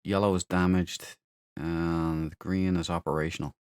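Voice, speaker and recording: Loud game audio runs behind a man hosting a casual let's play, who mutters and playfully repeats himself. His voice is low, smooth and flat, a little slow, on a dry recording.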